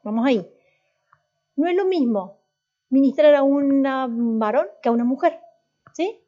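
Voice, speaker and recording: A woman's voice: high voice, animated, measured pace. A woman teaching a church class in a conversational way, putting questions to her students and often restarting her sentences. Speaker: worship and voice teacher. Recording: dull lo-fi recording.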